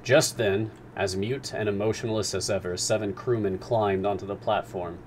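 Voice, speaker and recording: A man narrating a classic novel aloud in a steady storytelling manner during a live reading. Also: lowish voice, moderate pace, slight background noise.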